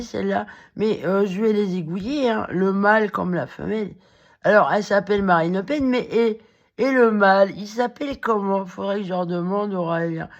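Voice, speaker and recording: A woman vlogger with a cracked, hoarse, mid-range voice rambles to the camera in a halting monologue. Her talk is full of fillers and restarts, and the sound is lo-fi.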